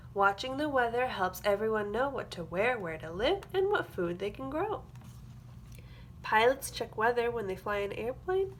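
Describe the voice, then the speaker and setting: With a voice on the high side, a woman who teaches the early grades reads a picture book expressively to young kids, pausing for simple explanations. Slight background noise can be heard.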